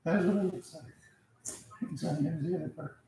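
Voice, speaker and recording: Lying at home, this woman rambles casually through a vlog at normal speed, laughing softly often. She's a vlogger and karaoke singer with a low, dark voice, captured in a roomy space with faint ambience and slight background noise.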